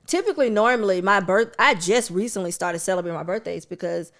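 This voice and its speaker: Gravelly-voiced woman telling candid stories. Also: medium pitch, fast. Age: 30s. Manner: candid, animated storytelling with slang. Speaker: podcast co-host. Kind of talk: casual chat.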